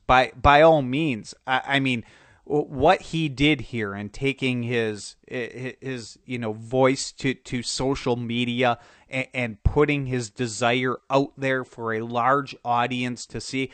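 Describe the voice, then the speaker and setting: A podcast host with a cold talks in a nasal, congested voice of medium pitch and fairly bright tone. He rambles through casual sports commentary, restarting often and using lots of fillers. The recording is dry and close, with no room sound.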